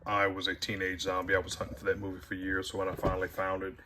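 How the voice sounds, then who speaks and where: A man's voice: deep voice, completely flat delivery, quick pace, noisy background. A man giving a casual, rambling tour of his movie collection, with audible heavy breathing. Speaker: video collector showing his shelves.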